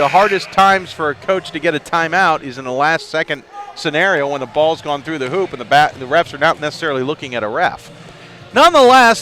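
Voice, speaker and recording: A man calls a live basketball game from his arena broadcast seat. His voice sits high and rings bright. He chats and laughs easily between plays. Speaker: play-by-play commentator.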